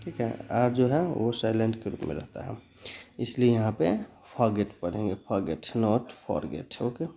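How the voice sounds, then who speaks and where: This pronunciation lesson comes from a male English teacher whose medium-pitched voice is warm and animated, with vocal fry. Mixing Hindi into his English, he spells out words one letter at a time in a slow, deliberate way.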